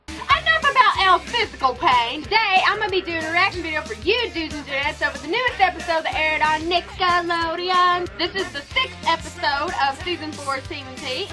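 A woman hosting a reaction video, excitable and slangy, often squealing and shouting as she talks. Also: very high-pitched, moderate pace, over music, poor audio. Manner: slangy, playful.

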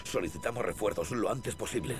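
A man voicing a deep-voiced soldier on the radio. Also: brisk, close to an everyday voice. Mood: urgent. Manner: formal, clipped military report. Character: grim male soldier giving radio report. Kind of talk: video game dialogue. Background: game music.

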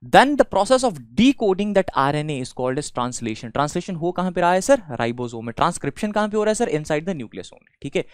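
A man's voice: sits high, big pitch swings, rapid-fire, few pauses, clean tone, no echo, studio quality. A young man with a North Indian accent giving a classroom lecture as a teacher, mixing Hindi and English, explaining with rhetorical questions and frequent check-ins. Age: young adult. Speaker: teacher at an exam coaching institute. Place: indoor studio in front of a presentation board.

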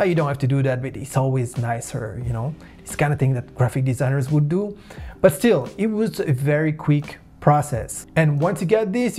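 A man's voice: medium pitch, a little mellow. A man hosting a tutorial, talking in a chatty, upbeat way straight to his viewers. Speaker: host of a design tutorial channel. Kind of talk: casual tutorial narration.

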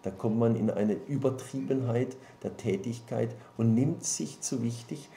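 A pastor preaches to his congregation in a lively, searching way, often repeating himself and asking if they follow. His voice is mellow and middle-pitched. The recording sounds echoey, with faint noise behind him. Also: unhurried, gravelly. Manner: lively, preachy, talks to the congregation, ahem-ing and repeating words. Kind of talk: sermon.

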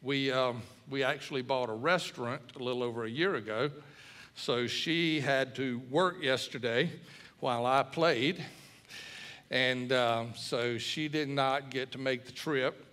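A man's voice: medium pitch, a little slow. A middle-aged man from Mississippi, preaching a sermon as a guest pastor in a folksy storytelling manner. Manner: folksy, warm storytelling with fillers.

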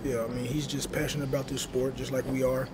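A young college football player giving a postgame press interview, speaking in a measured, halting way with many fillers. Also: male voice, medium pitch, level tone, very noisy. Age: young adult. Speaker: college linebacker. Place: stadium concourse with crowd noise. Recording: loud crowd behind the voice.

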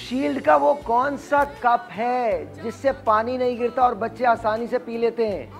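A man hosting a morning TV show in a studio, loudly urging the live audience to shout and clap. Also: very high voice, measured pace, creaky, faint music behind. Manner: energetic, rallies audience to shout.

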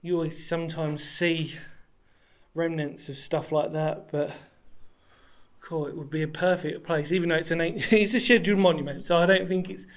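A history explorer vlogger in his thirties, with a slightly higher voice, films himself at arm's length on a handheld camera while walking through a sandstone cave and the woods around it. He rambles warmly and enthusiastically about the place, stopping mid-thought to correct himself and clearly delighted to be there. His intonation is fairly even and his speed normal as he talks to camera.

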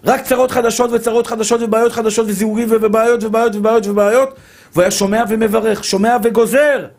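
A rabbi with a notably high voice preaches to a room of listeners. He drives home each point by saying it again and again, and he keeps warmly calling the listeners his dear brothers. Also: fairly even intonation. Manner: emphatic, repetitive, addresses listeners as dear brothers. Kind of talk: Torah lesson to a live audience.

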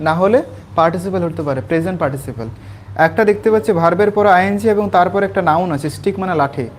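A man's voice: sits high, a little hiss or hum. A man from West Bengal tutoring school students in English, explaining a textbook passage step by step and stopping often to check that they follow. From West Bengal, India. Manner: patient, repetitive, checks understanding with quick questions. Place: small class with students present.

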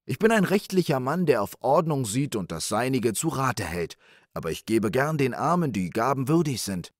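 A man's voice: mid-range voice, sing-song, normal speed, no echo, clean studio sound, pitched above the performer's own voice. A man voicing a greedy, blustering rich peasant in a spoken fairy tale. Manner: loud and blustering.

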